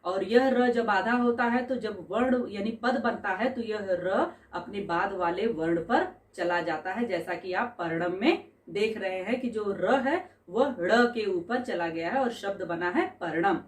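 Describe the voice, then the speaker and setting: Slow, deliberate woman teaching a lesson. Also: medium pitch, echoey room, far from the mic. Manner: slow and deliberate, spelling out words sound by sound. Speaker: Sanskrit teacher. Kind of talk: explaining a school lesson.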